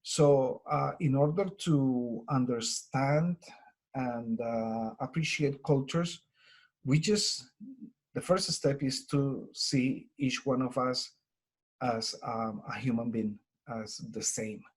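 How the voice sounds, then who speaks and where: A man from Colombia speaks English with a strong Colombian Spanish accent, a slightly husky voice and a medium pitch. He presents a teacher webinar in an earnest, conversational way, pausing often with fillers.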